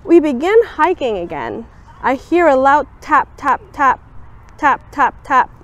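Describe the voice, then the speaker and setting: A young adult woman, a student volunteer reader with a fairly high voice, reads a children's picture book aloud at a measured pace. She tells the story expressively and brightens her voice for quoted lines. She was recorded outdoors on a campus bench by a camera set a short distance away.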